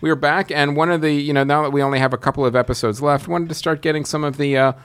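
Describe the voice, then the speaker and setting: A man's voice: on the high side, steady tone, fast talker, a bit bright, clear, resonant tone. A man co-hosting a podcast, chatting casually and offering plenty of encouraging "yeah"s and "mm-hmm"s. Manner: encouraging, frequent backchannel. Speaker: podcast co-host. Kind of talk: casual chat.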